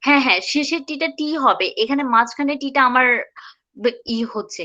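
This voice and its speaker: A woman teaching English pronunciation in an online live class, patiently repeating words slowly and mixing in English phrases. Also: high voice, pushed and bright, highs cut off.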